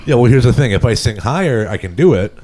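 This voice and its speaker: A man with a deep bass voice chatting casually as a podcast co-host. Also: animated, fast talker, dark tone. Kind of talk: casual chat.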